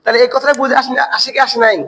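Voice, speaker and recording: A man's voice: extremely high pitch, flat delivery, rapid-fire, bright, forceful tone, low-quality recording. A man teaching an online Quran recitation class. He asks the learners questions, answers them himself and repeats words over and over to drill the pronunciation.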